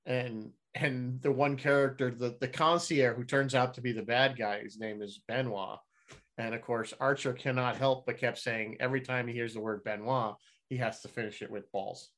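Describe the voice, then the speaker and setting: A man co-hosts a podcast, chatting casually and rambling, often restarting his sentences. His mid-range voice is steady and a bit bright, moving at a moderate pace.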